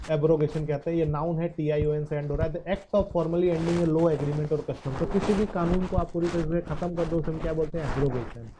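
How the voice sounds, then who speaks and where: A young man with an Indian accent gives an exam-prep vocabulary lesson. His voice is slightly high and warm, and he slows right down to read each English example sentence carefully. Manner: explains in Hindi, reads English example sentences slowly. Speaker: vocabulary teacher.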